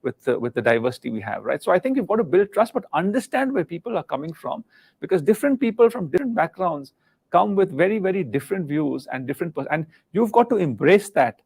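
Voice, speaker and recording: Middle-aged guy from india, rapid and gravelly, earnest, keeps restarting words. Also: sits high, sing-song, a little mellow. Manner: fast, earnest, repeats words as he searches. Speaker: guest, former senior business leader. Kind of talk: live interview on leadership.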